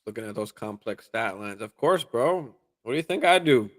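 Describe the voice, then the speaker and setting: A man hosting a live fantasy football stream, answering viewer questions in a relaxed, casual way, swearing freely and using lots of fillers and restarts. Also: mid-range voice, moderate pace. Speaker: fantasy football show host.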